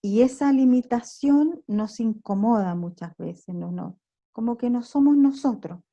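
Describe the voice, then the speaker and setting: A woman leading an online prayer workshop, teaching in a slow, reflective way, with "eh" pauses and questions tossed to the group. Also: fairly high pitch, mellow, dull audio. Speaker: workshop leader. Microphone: online video call recording.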